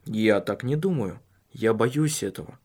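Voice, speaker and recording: A man voicing a calm, measured husband in an audiobook, speaking earnestly and carefully. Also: lowish voice. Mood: earnest, probing.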